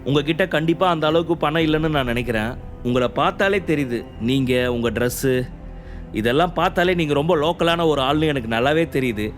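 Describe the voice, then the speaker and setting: A man's voice: fairly high pitch, brisk, soft background music, close to an everyday voice. Guy playing a sweaty nervous shop manager, stammering and fawning, then stiff and preachy. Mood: stern. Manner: flustered, servile then scolding.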